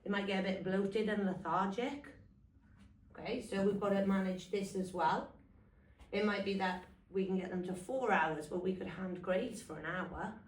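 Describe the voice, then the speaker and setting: A woman's voice: mid-range voice, normal speed, distant mic. Woman coaching, echoey and off-mic. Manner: practical, explaining plainly. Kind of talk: instructing a group. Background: horses, faint noise.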